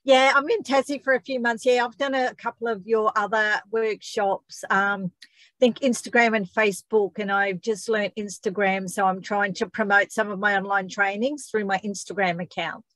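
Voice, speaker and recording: A woman's voice: mid-range voice, steady tone, moderate pace, a bit bright, dry recording. A woman chatting casually as an attendee on an online group call. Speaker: workshop attendee. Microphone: video call microphone.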